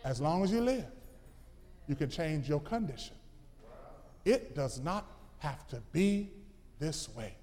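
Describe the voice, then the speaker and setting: A man's voice: a little high, animated, slow pace, long pauses, warm tone, long reverb tail. A man preaching a sermon in a rhythmic, plain-spoken way, repeating phrases. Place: church.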